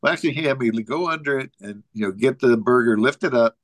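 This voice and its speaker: A podcast co-host on a casual talk show tells a rambling anecdote, saying "you know" a lot and chuckling frequently. His medium-pitched voice is fast, and the recording is dry.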